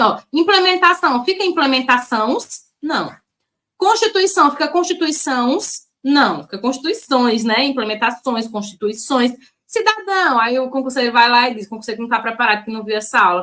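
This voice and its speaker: A bright-voiced woman leads an online exam-prep lesson. Her voice sits a little high, and she keeps up a chatty, lively manner, often drawing out the key words. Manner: lively, chatty, frequent "ó" and "né", drawn-out stressed words. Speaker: Portuguese teacher.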